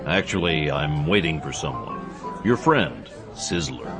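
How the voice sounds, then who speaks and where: Very deep-voiced, laconic action hero. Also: male voice, expressive, a little slow, over music. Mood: dry, teasing. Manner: dry, understated. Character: tough, laconic male action hero, drily teasing. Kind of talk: audio drama dialogue.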